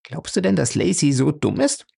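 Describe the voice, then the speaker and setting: A man reading a storybook voicing a sharp-witted young woman who argues fast and incredulously. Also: low voice, big pitch swings, vocal fry, slightly rough, pitched above the performer's own voice, exaggerated voice. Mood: argumentative. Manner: quick, incredulous, argumentative.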